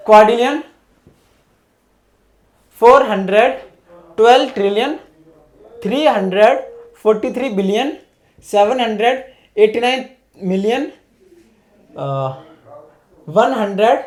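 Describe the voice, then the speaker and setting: A woman teaching a maths lesson step by step. She keeps checking whether students follow. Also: on the high side. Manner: explains step by step, often checks with "clear?". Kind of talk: classroom-style math lesson.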